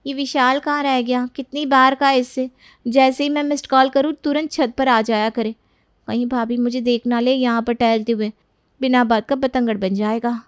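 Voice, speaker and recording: A woman's voice: sits high, steady tone, normal speed, clean tone, dry recording, studio quality, natural voice. A woman voicing a kind, obliging young woman in a cartoon story, talking sweetly and always ready to help. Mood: fretting.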